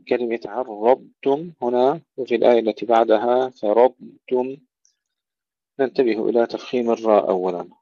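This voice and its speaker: A man teaching tajweed. He recites words slowly and carefully, then explains each rule in a plain voice. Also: medium pitch, vocal fry, warm tone, no room sound. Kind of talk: tajweed lesson with slow demonstrative recitation. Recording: dull, dry close recording.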